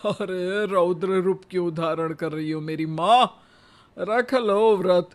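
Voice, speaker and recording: Acting in a comic animated moral story, a man plays an old henpecked husband from a cartoon tale. He speaks slowly in a voice very high for a man, wry and sarcastic, always needling with mock pleading.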